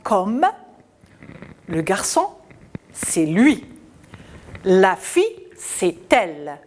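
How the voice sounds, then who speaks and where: A woman teacher guides children through a reading lesson, drawing out each syllable at a very slow pace. Her voice swings lively up and down as she repeats words for them to echo. She sounds patient and encouraging. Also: medium pitch. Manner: encouraging, addressing children warmly.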